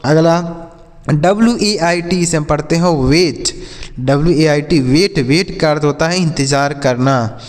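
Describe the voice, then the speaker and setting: Male language teacher, slow and drilled, slightly high voice, long reverb around him. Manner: slow, repetitive teaching with questions to viewers. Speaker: English teacher. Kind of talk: Hindi-language English vocabulary lesson.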